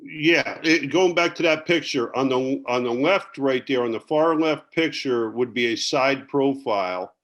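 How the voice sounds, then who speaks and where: A man presenting building plans over a video call, talking in a halting way with many restarts, his audio crackling and cutting in and out. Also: mid-range voice, a bit bright. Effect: choppy audio cutting in and out with crackle. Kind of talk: explaining plans at a public meeting. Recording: dull lo-fi video call audio that keeps dropping out.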